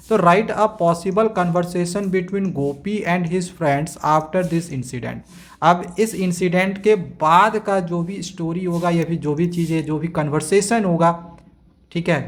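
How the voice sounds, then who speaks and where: A man with a fairly high-pitched voice teaches a primary school English lesson, reading lines slowly and breaking each one down step by step. He frequently checks in with "samajh mein aa gaya?" to ask whether it's understood.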